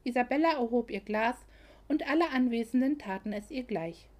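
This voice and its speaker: A woman narrating a German novel as a scripted audiobook in an expressive storytelling manner. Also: a little high, moderate pace.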